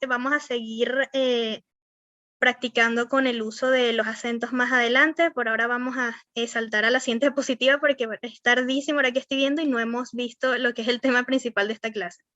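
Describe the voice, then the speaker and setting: A woman's voice: on the high side, bright, forceful tone, no echo, muffled recording. Rambling young Venezuelan woman teacher. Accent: Venezuelan Spanish. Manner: rambling, many fillers like "o sea" and "este"; checks in often with students. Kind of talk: online class on verbal skills.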